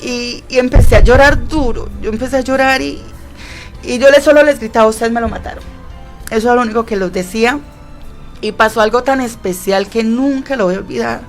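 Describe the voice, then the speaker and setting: A woman tells an emotional testimony in a fairly high voice. She talks earnestly and leans on repeated phrases. Soft music plays faintly behind her. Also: fairly quick. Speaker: guest sharing her testimony.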